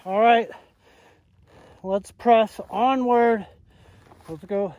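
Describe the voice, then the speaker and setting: A man narrates his own off-road ride in a loose, offhand way, swearing now and then as he talks through what he is doing. His voice sits a little high. It is recorded outdoors on a helmet camera mic, with a motorcycle engine and wind clearly heard behind him. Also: steady tone, very slow, dull audio. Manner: casual, swears offhandedly, talks to himself while riding. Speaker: motorcycle vlogger. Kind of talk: casual riding commentary. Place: outdoors on desert trails.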